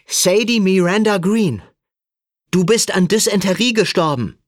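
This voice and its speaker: A male narrator voicing an earnest, wry young man in an audiobook reading, who calls out loudly. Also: fairly high pitch, wildly swooping pitch, brisk, slightly rough, no room sound, clean studio sound, voice pushed up, full character voice. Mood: calling out.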